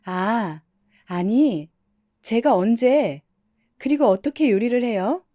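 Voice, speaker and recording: A woman's voice: fairly high pitch, animated, slow, warm tone, no room sound, clean studio sound. A woman voicing a pampered sister-in-law nearing forty who protests in a flustered, whiny way.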